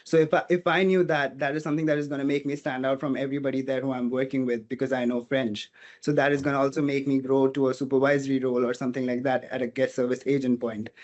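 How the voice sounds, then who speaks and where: A muffled recording carries this man's mid-range, darkish voice, delivered quickly in a level tone. An Indian hospitality student who grew up speaking Portuguese, he's an earnest interview guest in a casual chat, thinking aloud and frequently using "you know."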